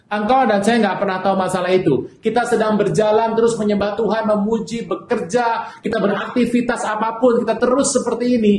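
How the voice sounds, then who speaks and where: Guy preaching a sermon, pretty high voice, lots of echo, acts out the cries for help. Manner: animated preaching, acting out desperate cries for help. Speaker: pastor.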